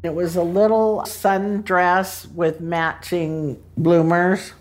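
A woman being interviewed, slowly and plainly recounting a personal memory, with fillers. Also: on the low side, steady tone, darkish tone, faint music behind. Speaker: interviewee, mother recalling events.

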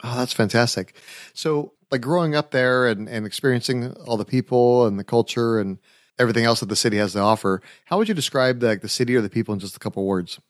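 A fast-talking podcast host with a medium-pitched voice interviews a guest on his travel podcast, upbeat and enthusiastic with every question. The sound is clean studio quality with no echo.

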